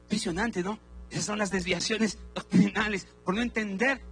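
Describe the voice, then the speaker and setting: High-voiced, forceful preacher. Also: male voice, steady tone, normal speed, soft background music. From Peru. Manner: emphatic, calls the congregation to repeat aloud. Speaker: pastor. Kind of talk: sermon. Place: church sanctuary.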